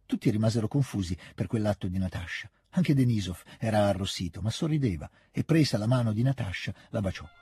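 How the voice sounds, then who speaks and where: Husky-voiced man reading a novel aloud. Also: on the low side, fairly quick, few pauses, no room sound, clean studio sound. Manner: steady, expressive reading. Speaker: audiobook narrator. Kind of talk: scripted literary narration.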